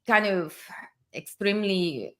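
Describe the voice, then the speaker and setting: Hosting a laid-back livestream, this native Spanish-speaking woman talks with a Spanish accent in a chatty, eager way packed with filler words. She sounds animated yet takes her time, her mid-range voice fairly bright.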